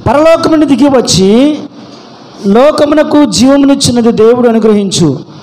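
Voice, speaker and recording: A man reading scripture aloud during a church service, formal and measured in his delivery. His voice is strikingly high, and he sits some distance from the microphone. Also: lively intonation, a little mellow.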